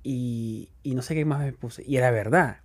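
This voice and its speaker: A man's voice: medium pitch, normal speed. A young man who co-hosts a podcast and makes videos, telling stories and teasing his co-host in casual chat. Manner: teasing, animated storyteller. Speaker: podcast co-host and content creator.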